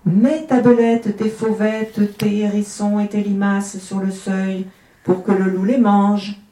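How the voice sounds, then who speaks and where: A woman's voice: medium pitch, level tone, slow pace, dark tone, echoey room, lightly acted. A woman voicing an old grandmother in a fairy tale, giving emphatic instructions. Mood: instructing.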